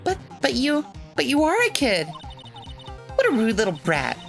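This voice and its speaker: A woman acts out a perky young female game sidekick, eager and quick to take offence. Her pitch is fairly high and very animated, over soft music. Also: gravelly, heavily acted. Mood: offended. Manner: eager, exclamatory. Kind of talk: amateur video game voice-over.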